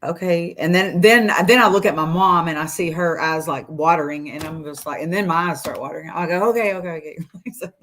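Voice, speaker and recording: This guest, a woman in her forties, joins by video call from a room at home, her voice sitting on the low side. She tells her story casually and with animation, fairly quickly and with few pauses, voicing her doctors' lines and laughing between phrases.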